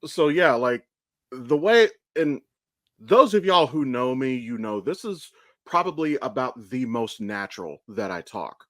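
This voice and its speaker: In clean, echo-free studio quality, a thirty-something man from Ohio hosts a laid-back podcast, swearing freely and wandering through candid stories. He sounds animated, a bit bright, mid-range, and measured in pace.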